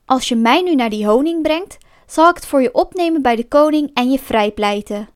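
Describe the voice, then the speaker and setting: A woman voicing a big, gullible male bear in a storybook who is mad for honey, eager and pleading, his voice jumping high. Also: expressive, normal speed. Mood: greedy eager.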